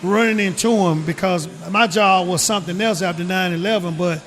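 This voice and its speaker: A middle-aged man from Mississippi with a Southern accent, speaking as a guest in a casual interview with emphatic, drawn-out stresses. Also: sits high, fairly bright tone. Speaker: guest, retired government agent.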